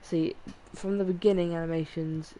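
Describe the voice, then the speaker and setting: Tired low-voiced woman streamer, monotone. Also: normal speed. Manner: monotone, rambling with restarts and apologies. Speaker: gaming streamer. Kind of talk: casual gameplay commentary.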